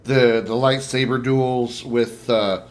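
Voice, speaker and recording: A man's voice: medium pitch, fairly even intonation, slow pace. A man chatting casually as he streams a game, rambling and blunt. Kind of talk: casual gameplay chat.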